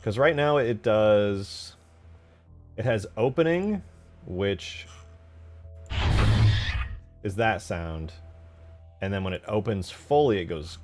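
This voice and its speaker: His voice sits on the low side and sounds a little mellow. He's a game modder streaming his work, chatting casually and musing aloud in loose, slangy bits with the odd casual curse.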